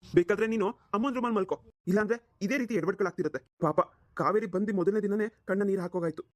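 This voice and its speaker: Woman doing a rapid-fire flustered cartoon husband, dry close sound, pleading. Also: mid-range voice, darkish tone, dry recording, lightly acted. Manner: pleading, exasperated. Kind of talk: cartoon voice acting.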